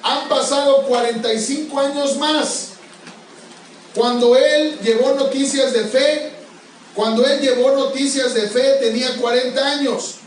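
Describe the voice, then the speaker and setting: A man's voice: very high voice, steady tone, a little slow, slight background noise. A male pastor preaching a sermon, pressing the congregation with repeated questions. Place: church sanctuary. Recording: echoey church hall, far from mic.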